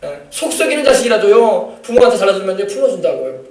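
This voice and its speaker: A male pastor preaches at a quick clip, with a high, bright voice. He stresses his points, calls out to the congregation and acts out family scenes. The sound is echoey, heard from a mic some distance away in a church hall. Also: big pitch swings. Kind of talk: sermon. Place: church sanctuary.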